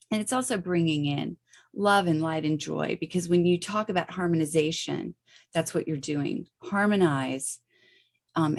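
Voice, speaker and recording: Low-voiced woman explaining casually. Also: a little mellow. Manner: loose and chatty, with frequent okays and rights. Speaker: spiritual teacher. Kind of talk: casual explanation of a meditation practice.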